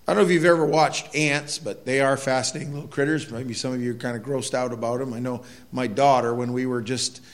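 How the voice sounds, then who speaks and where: A man leading an evening Bible study as pastor, speaking in a gruff, throaty voice with a loose, conversational delivery full of restarts. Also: medium pitch, fairly even intonation, quick pace, hardly any pauses.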